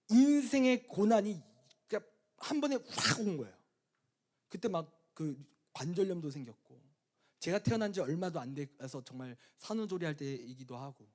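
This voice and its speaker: A man pastor preaching a sermon to a youth retreat, telling comic stories in an animated way that swings from loud exclamations to low asides.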